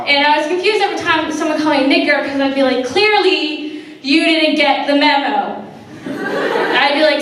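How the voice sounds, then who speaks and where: A young woman performing a stand-up set at a college open mic, deadpan and hesitant with many ums, recorded from a distance in a roomy hall with an audience. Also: high-pitched. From Sri Lanka. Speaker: stand-up comic.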